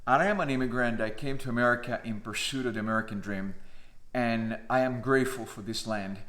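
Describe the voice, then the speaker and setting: A Cuban pastor in his fifties, a native Spanish speaker with a Cuban Spanish accent, gives an earnest, emphatic personal testimony to camera indoors in front of a flag. His mid-range voice is brisk and fairly bright, peppered with frequent "uh" fillers.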